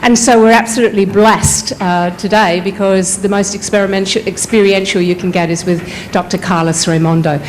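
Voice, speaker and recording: A woman hosts at a conference, introducing the next speaker in a brisk, apologetic way. She keeps it short and to the point, with faint room noise beneath her voice. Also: mid-range voice, steady tone, low-quality recording. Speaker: conference host. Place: conference hall.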